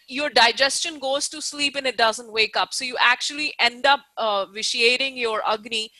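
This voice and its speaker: A woman's voice: high-pitched, pushed and bright, no room sound, poor audio. A woman teacher giving an informal live online lecture, explaining emphatically, repeating key points and often checking that listeners follow.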